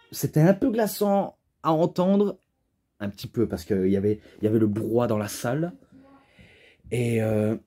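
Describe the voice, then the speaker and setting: A young man talks through a wrestling DVD review in a loose, casual way. He rambles, restarts his sentences and leans on fillers. His voice is mellow and a little husky. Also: mid-range voice.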